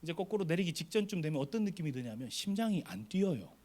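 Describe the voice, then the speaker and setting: A man's voice: on the high side, big pitch swings, fast talker, darkish tone. A middle-aged man, a pastor, telling a story in a sermon to a youth retreat and acting out the voices.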